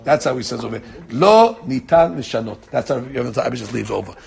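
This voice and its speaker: Gravelly man teaching a Talmud class. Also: mid-range voice, a little fast, slight background noise. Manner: animated, repeats words, acts out quoted people. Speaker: Torah teacher.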